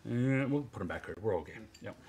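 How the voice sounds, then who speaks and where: A man's voice: on the low side, expressive, brisk, noisy background. A man hosting a casual wine-tasting chat, talking in a rambling way with many fillers and restarts. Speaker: wine presenter. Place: indoors at a zoo building.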